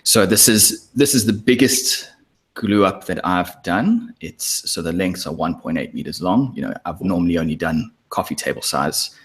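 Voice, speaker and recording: A man's voice: deep voice, moderate pace, husky. A man co-hosting a casual podcast from his woodworking workshop, explaining his build step by step. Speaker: podcast co-host. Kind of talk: casual chat.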